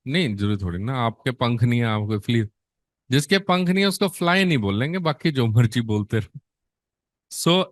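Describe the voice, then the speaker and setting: A man's voice: fairly high pitch, fairly bright tone, no echo, clean studio sound. A middle-aged man teaching a nursing exam class, quizzing students in Hindi mixed with English and answering his own questions in a coaxing tone. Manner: coaxing, quizzes students and answers himself, calls them beta.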